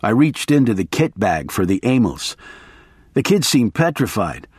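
A man reading first-person narration for an audiobook in a lively storytelling manner. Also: on the low side, normal speed, husky, no room sound, clean studio sound.

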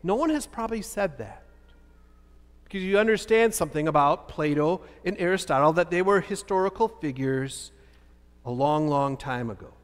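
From a lectern in a large church, a pastor in his fifties delivers a sermon at a moderate pace, his voice high for a man. He asks rhetorical questions and answers them with animated emphasis, each phrase trailed by long hall reverb.

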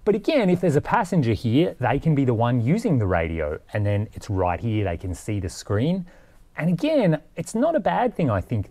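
Here a man in his forties, medium in pitch and warm in tone, presents a DIY vehicle install vlog-style. He talks casually to the camera, explaining conversationally and thinking out loud.

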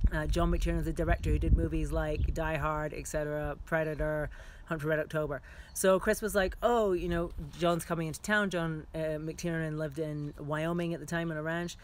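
Frank, animated middle-aged woman filmmaker. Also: deep voice, a little hiss or hum. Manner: animated, frank, heavy on "like" and "you know". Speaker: filmmaker giving career advice. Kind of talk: casual direct-to-camera advice.

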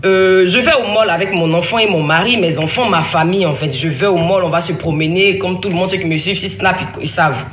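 A woman's voice: fairly low pitch, fairly quick, hardly any pauses. Echoey-voiced woman recounting. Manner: rambling, emphatic, with frequent restarts and quoted dialogue. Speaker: mother telling her story. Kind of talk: casual spoken testimony. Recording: echoey room with faint ambient noise.

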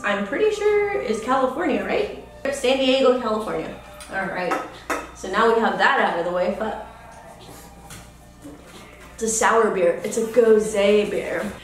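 A woman's voice: medium pitch, a little hiss or hum. A woman in her thirties hosting a casual beer vlog at home, swearing freely and rambling. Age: 30s. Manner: profane and rambling, loud whoops. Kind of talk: casual chat. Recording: echoey room from far off.

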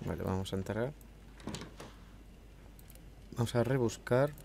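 Speaking at a measured pace, a man with a mild cold and a somewhat hoarse throat commentates a video game from a room at home, chatting casually and cursing. His voice sits on the low side, creaky with a darkish tone, and faint background noise can be heard.

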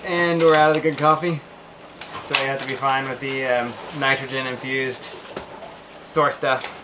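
A man's voice: medium pitch, little pitch movement, normal speed, noisy background. A man in his thirties chatting playfully as a sailing vlogger on a boat. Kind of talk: casual chat. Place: outdoors on a sailboat.

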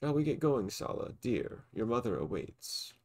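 A man voicing a smug, sinister male villain with a slow, mocking drawl. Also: medium pitch, sing-song, breathy edge. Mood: menacing. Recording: loud game music behind.

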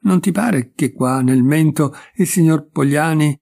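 A man reading the lines of a practical middle-aged widowed mother, matter-of-fact and soft-spoken. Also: on the high side, measured pace, creaky. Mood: coaxing.

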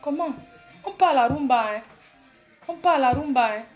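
A woman's voice: sits high, moderate pace, dull audio, faint music behind. A woman in her late thirties with a Cameroonian French accent, doing a brash, boastful comedy monologue that mocks her critics. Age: 30s. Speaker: comedic vlogger.

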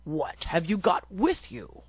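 Lady doing a crafty old wolf, real slow and drawn out, raspy. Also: fairly low pitch, huge pitch swings, no room sound, exaggerated voice. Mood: sly. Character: sly scheming male wolf, deceitful. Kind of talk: storybook read-aloud.

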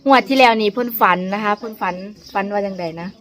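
A woman with an Isan accent speaks quickly and politely to the viewers. Her voice sits at a middle pitch. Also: a bit bright. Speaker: co-host. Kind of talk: casual vlog presenting.

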